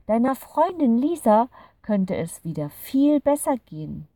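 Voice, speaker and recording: Storybook fairy creature, gentle and patient, read by a woman, unhurried, slightly distant mic. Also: a little high, sing-song, no room sound, pitched above the performer's own voice, full character voice. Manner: patient, soothing explaining. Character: kind gentle fairy creature from a light dimension.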